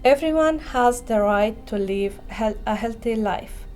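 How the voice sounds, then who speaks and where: Earnest woman from Afghanistan, mellow. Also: a little high, a little slow, faint music behind. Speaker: childbirth educator and community liaison. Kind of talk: read personal testimony.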